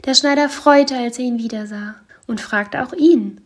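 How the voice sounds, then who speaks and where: A woman reads a fairy tale aloud, telling the story lively and sometimes dropping almost to a whisper. Her voice sits fairly high. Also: normal speed. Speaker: narrator.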